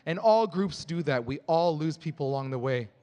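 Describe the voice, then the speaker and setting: A man with a slightly high voice stands at a stage microphone, introducing each dance in an earnest, explanatory way and pausing between phrases. His words ring out with the long reverb of a large festival venue. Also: animated, mellow. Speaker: dance group leader. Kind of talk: emcee announcing dances on stage.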